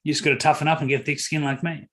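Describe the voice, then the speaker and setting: A man's voice: on the high side, flat delivery, racing, a bit bright, close to an everyday voice. A man doing a big, blunt, tough rhino. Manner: dismissive, blunt.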